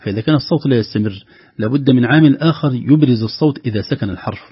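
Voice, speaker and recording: Husky man teaching Quran recitation. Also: medium pitch, no room sound. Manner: explanatory, slowly chanting sample words. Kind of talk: tajweed lesson with recited examples. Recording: dry, dull lo-fi studio sound.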